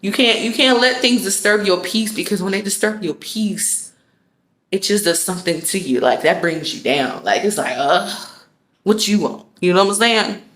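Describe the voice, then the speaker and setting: Woman vlogger, mid pitch, emphatic slangy rant, echoey room. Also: moderate pace, a bit bright. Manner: emphatic, repeats phrases, laughs often, slangy. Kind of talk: casual motivational rant.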